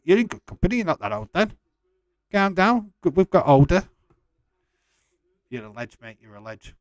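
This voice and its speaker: His voice is medium-pitched and recorded dry. The speaker, a forty-something livestream host from West Yorkshire with a Yorkshire accent, chats casually through a watch-along and reads comments aloud in a blunt, friendly, informal manner.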